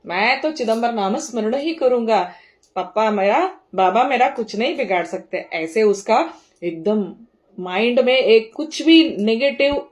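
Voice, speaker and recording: A woman giving a devotional sermon who recites verses and then explains them in a storytelling tone. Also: fairly high pitch. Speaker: devotional speaker.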